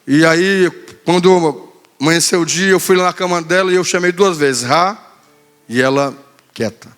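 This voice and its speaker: A man's voice: fairly high pitch, moderate pace, fairly bright tone, big-room sound. A male pastor preaching a sermon, telling a story in a playful way and acting out quotes. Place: church hall.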